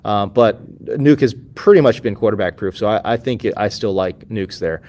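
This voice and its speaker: A man hosting a fantasy football advice show in a casual question-and-answer style. He is excitable and slangy, and he swings between loud outbursts and mumbled asides. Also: on the low side, moderate pace.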